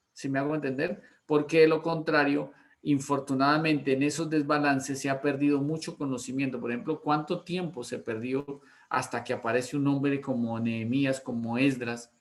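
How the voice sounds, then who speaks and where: A man, a pastor teaching an online Bible class, often asking if he is understood. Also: mid-range voice. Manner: rhetorical questions to check understanding.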